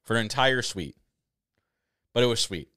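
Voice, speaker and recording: A young man co-hosting a podcast, telling a story in casual chat, excitable, laughing often, with many restarts. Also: mid-range voice, moderate pace, dry recording, clean studio sound. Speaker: podcast co-host.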